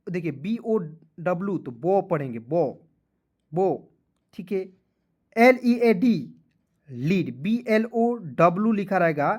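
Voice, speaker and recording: A tired man teaching an online lesson, spelling out English words letter by letter, then slowly saying each one while checking that viewers follow. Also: high voice, darkish tone. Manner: keeps addressing viewers as friends, checking "clear?".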